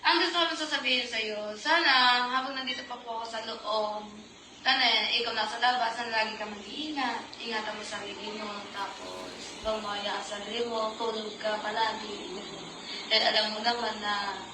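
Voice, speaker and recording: A woman speaks to her partner in a halting, soft-spoken casual way. Her fairly high voice comes from away from the mic. The room is echoey, with clear noise behind her. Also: steady tone, far from the mic. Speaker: interviewee, partner. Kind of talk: casual chat.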